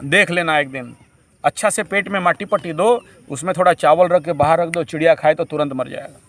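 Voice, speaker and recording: Man, high-pitched voice, preachy camp lecture, repetitive phrasing, stray English phrases. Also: fairly bright tone. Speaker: camp teacher.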